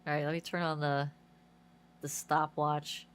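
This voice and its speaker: A woman game streamer with a low, smooth voice speaks in an unhurried way during casual livestream chat. Her nose is blocked, making her stuffy and nasal, as she rambles through an animated story and repeatedly starts over.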